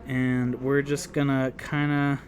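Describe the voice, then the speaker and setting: A man's voice: mid-range voice, flat delivery, takes it slowly. A man with a Utah accent casually talking through a painting tutorial, laid-back and dropping his T's. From Utah, United States. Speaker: host, miniature painting instructor.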